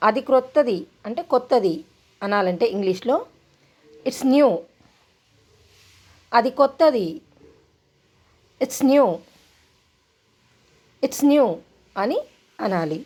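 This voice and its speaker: Woman English tutor, unhurried drill-style delivery, fairly high and very expressive. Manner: repeats each phrase slowly, in Telugu then English. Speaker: English teacher. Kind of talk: spoken English lesson.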